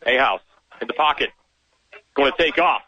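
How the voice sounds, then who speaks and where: A man calls high school football on local radio, his bright, pushing voice laying out each snap in brisk, measured order. The broadcast sound is a bit dull and muffled. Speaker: play-by-play announcer. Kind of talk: radio play-by-play commentary.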